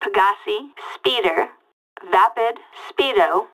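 For a video game, an actress plays a female police dispatcher calling out vehicle makes and models over a police radio filter. Her medium-pitched, fairly bright voice moves slowly and stays clipped, detached, and flat, with each word read separately, on a low-quality recording.

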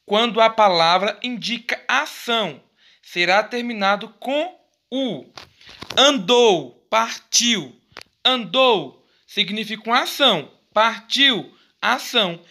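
Brazilian guy teaching little kids grammar, slow and clear, bright tone, calls them sweet names. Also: high-pitched, animated. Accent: Brazilian Portuguese. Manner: patient, affectionate, explains step by step to young pupils. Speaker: primary school teacher. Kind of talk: recorded grammar lesson for children.

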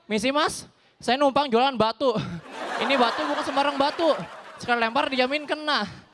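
A fawning male rock peddler with a high-pitched voice, pitching his goods in courteous salesman patter, as a comedian puts him on. He sounds humble and eager to please, with a light and very high tone. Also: fairly even intonation, fairly quick, noisy background. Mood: salesy.

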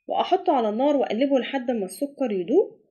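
A woman's voice: high-pitched, lively intonation, warm tone, lo-fi sound. A woman with an Egyptian Arabic accent narrating a recipe step by step as a cooking channel host. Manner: brisk step-by-step instructions.

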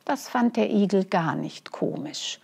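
A woman storyteller reading a children's bedtime story, gently and expressively, with hushed phrase endings. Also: on the low side, animated, slow pace, slightly rough.

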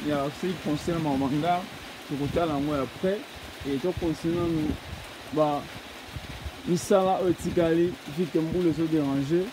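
A man with a highish, steady voice speaks at normal speed against background noise, giving a casual field report in open grassland. Filming on a handheld phone, this reporter presents a building project, chatting, repeating words, and switching between Lingala and French.

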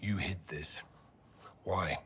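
Captain Price, deep British military captain. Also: male voice, fairly even intonation, takes it slowly, over music. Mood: angry, accusing. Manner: blunt, confrontational, commanding. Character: hard, defiant middle-aged male military captain. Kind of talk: cinematic game acting.

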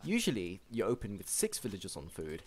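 Excitable man casting a strategy game. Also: on the low side, brisk, a little hiss or hum. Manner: chatty, excitable, many restarts and fillers. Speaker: game caster. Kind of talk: casual gameplay commentary.

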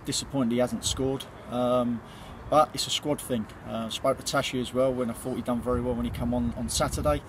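A man's voice: medium pitch, fairly even intonation, a little fast, hardly any pauses, low-quality recording. A middle-aged man, a football manager giving a plain-spoken post-match interview outdoors at night, with many ums and repeated words. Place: outdoors by a stadium building at night. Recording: loud outdoor background noise.

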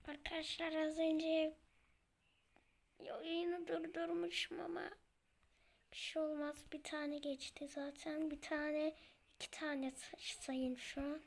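High, slow-talking frustrated gamer woman. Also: vocal fry, a little hiss or hum. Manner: exasperated, grumbling, talks to viewers. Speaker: gamer, channel host. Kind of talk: casual let's-play commentary.

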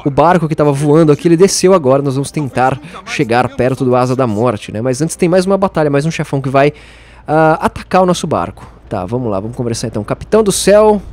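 A man's voice: mid-range voice, animated, quick pace, darkish tone. A man giving casual gameplay commentary, playfully taunting enemies and laughing often. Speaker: let's play host.

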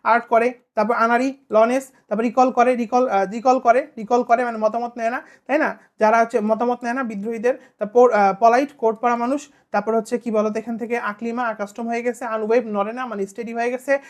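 A woman's voice: a little high, fairly even intonation, a little fast. A woman with a Bangladeshi Bengali accent teaching an exam-prep vocabulary lesson, quizzing the listener with playful repetition and memory tricks.

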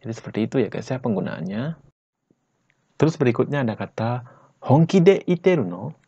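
A man from Bali teaching Japanese slang in a casual lesson, saying each phrase slowly and then at normal speed, and tagging lines with a chatty "guys, ya". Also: medium pitch, sing-song, warm tone, breathy edge, muffled recording. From Bali, Indonesia. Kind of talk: casual vlog-style lesson.

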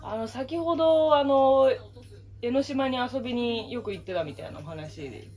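A woman's voice: fairly high pitch, moderate pace, heavy background noise. A young woman chatting as an interviewer, polite and attentive, in a casual conversational style. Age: young adult. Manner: polite, with frequent attentive responses. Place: small Japanese living room, indoors, seated at a table.

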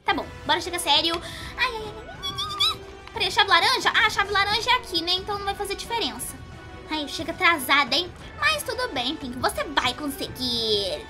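A woman voicing a bubbly, excitable young female cartoon pony while giving squealy, exclamatory gameplay commentary. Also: very high voice, brisk, full character voice. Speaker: gaming youtuber. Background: game music playing clearly.

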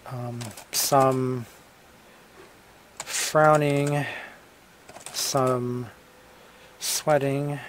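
A writer dictating a story draft while typing, halting often to revise the wording. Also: medium pitch, level tone, slight background noise. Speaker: novelist writing a draft live. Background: computer keyboard typing.

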